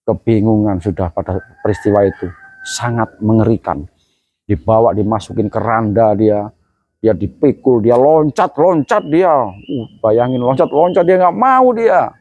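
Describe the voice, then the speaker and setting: A man's voice: lowish voice, normal speed, warm tone, no echo. A man giving a religious sermon as a teacher, telling his story vividly and dramatically with many hums.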